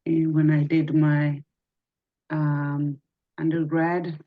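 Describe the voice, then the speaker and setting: Slow low-voiced woman from Israel. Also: little pitch movement. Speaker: student teacher. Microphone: video call. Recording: dull lo-fi call audio.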